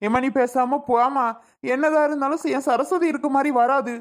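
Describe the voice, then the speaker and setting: A woman's voice: high-pitched, steady tone, moderate pace, close to an everyday voice. A woman voicing an emotional elderly father in a cartoon, pleading with his wife and saying her name over and over. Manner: pleading, affectionate, repeats wife's name. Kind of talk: Tamil cartoon voice acting.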